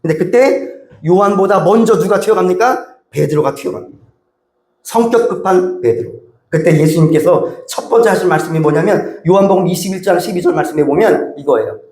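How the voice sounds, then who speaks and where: High-voiced pastor preaching in an echoey church. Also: male voice, brisk, a little mellow. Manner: emphatic, with many rhetorical questions to the congregation. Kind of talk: sermon. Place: church sanctuary. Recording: roomy church echo.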